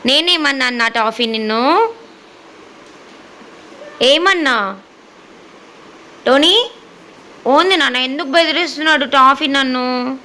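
Woman, high bright voice, slow playful baby talk to her pets. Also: a little hiss or hum, rough recording. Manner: playful, teasing, sing-song coaxing. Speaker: dog owner vlogger. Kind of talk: baby-talking to her dogs.

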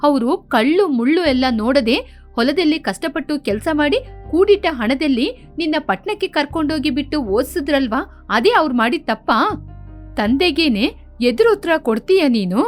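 A woman's voice: high voice, lively intonation, normal speed, faint music behind. A woman voicing a stern, loyal older sister from the village who scolds firmly. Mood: scolding. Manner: scolding, firm.

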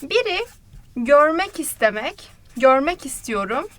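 A woman teaching Korean in an online lesson, explaining song lyrics in a lively way, talking straight to viewers and breaking phrases into parts that she repeats slowly. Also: sits high.

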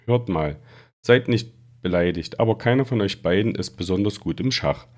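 A man's voice: on the low side, normal speed, a little mellow, lightly acted. A man voicing an eager young wizard boy who gives chess instructions in a storybook reading. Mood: instructing.

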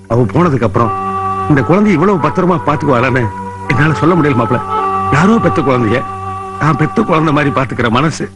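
A man's voice: on the high side, natural voice. An actor playing a talkative older grandfather with a Tamil accent, coaxing and scolding his son-in-law. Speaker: film actor.

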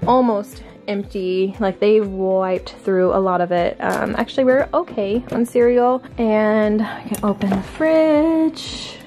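A woman's voice: medium pitch, darkish tone. A woman in her thirties, a family vlogger, chatting casually and in a friendly way with her viewers as she shows her groceries in a large home kitchen. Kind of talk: casual grocery haul chat.

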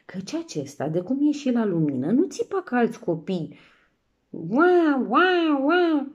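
A woman reading a classic tale aloud, playfully acting out the characters' shouts and sayings. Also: mid-range voice, breathy edge, lo-fi sound. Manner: lively, playful, acts out voices and exclamations. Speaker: actress reading a book aloud. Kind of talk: expressive storybook reading.

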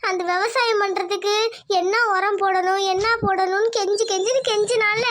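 A woman doing a worried village wife, very high. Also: fairly even intonation, moderate pace, slight background noise. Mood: upset, pleading. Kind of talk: cartoon voice acting.

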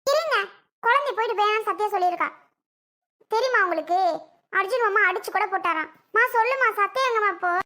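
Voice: very high voice, animated, pushed and bright, full character voice. A performer doing a snappy young wife. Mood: curious. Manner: curious, quick, snapping back. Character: sharp-tongued young married daughter. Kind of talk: family skit acting.

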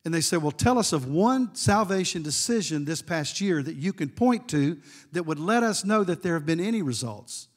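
A man's voice: a little high, animated, normal speed. Man preaching a storytelling sermon. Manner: storytelling with asides to the congregation. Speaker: guest preacher.

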